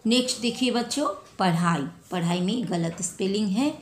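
A woman teaching a spelling lesson to children, repeating each word slowly and correcting mistakes one by one. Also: mid-range voice. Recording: echoey room with faint ambient noise.

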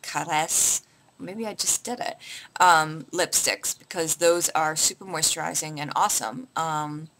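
A chatty young woman from Canada answering beauty questions in a casual vlog. Her voice is fairly low-pitched yet bright and forward, and she rambles through fillers and restarts. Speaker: beauty vlogger.

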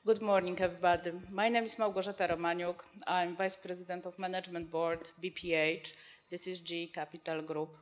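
A woman's voice: lowish voice, little pitch movement, fairly quick. A woman in her forties introducing herself on a conference panel into a handheld mic, earnest and sometimes repeating words. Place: conference hall with audience. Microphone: handheld microphone.

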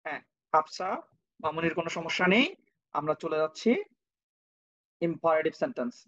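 A man's voice: a little high, fairly even intonation, brisk, a bit bright. A man teaching English grammar to children in an online class, patiently repeating, spelling words out and checking on students by name. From Bangladesh. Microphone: cheap computer microphone. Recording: dull lo-fi online-class audio.

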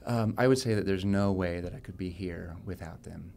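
A man with a very low voice talks in a candid pre-show interview, chatty and self-deprecating, and he laughs easily. He sometimes sounds choked up. Faint noise sits behind him. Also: normal speed, vocal fry, darkish tone. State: choked up at times. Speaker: singer being interviewed. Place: club venue before a show.

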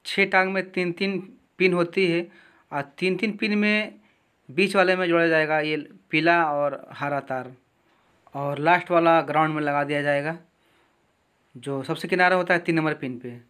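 A man teaching electronics repair, explaining each wiring step slowly and with a lot of repetition at his workbench. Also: a little high, steady tone, a bit bright, smooth. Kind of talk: hands-on repair tutorial.

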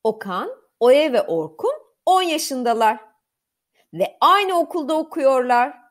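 A woman teacher reading a story aloud to young children, clear, expressive and deliberate. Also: sits high. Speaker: primary school teacher.

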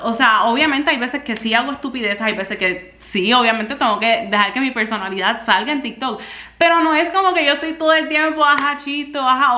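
A woman's voice: sits high, pushed and bright, reverberant. A young woman with a Puerto Rican accent, talking frankly and ramblingly to camera in a casual vlog. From Puerto Rico. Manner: frank, rambling, emotional venting. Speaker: vlogger and content creator. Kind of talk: candid casual vlog talk.

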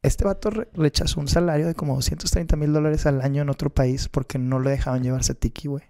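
A man's voice: fairly high pitch, fairly even intonation, fast, vocal fry, dark tone. A young Mexican man with a Mexican Spanish accent, a podcast guest who tells a story in a casual, slangy way, laughing often and acting out the people in it.

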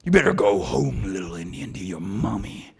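A man doing a slow, mocking giant elk. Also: very animated, creaky, heavy background noise. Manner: slow, low and drawn out, half whispered. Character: huge proud male elk, mocking and haughty.

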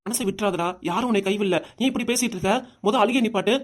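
A man's voice: sits high, fast talker. A man voicing a patient old grandfather. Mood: soothing. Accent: southern Tamil. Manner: steady, coaxing and patient. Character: calm elderly grandfather, soothing his angry son.

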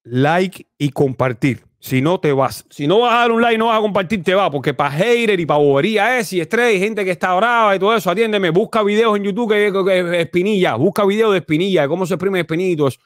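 A man with a Cuban accent hosting a casual commentary livestream, animated and talkative, swinging between loud exclamations and low mutters. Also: fast talker, no echo, clean studio sound. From Cuba. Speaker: host.

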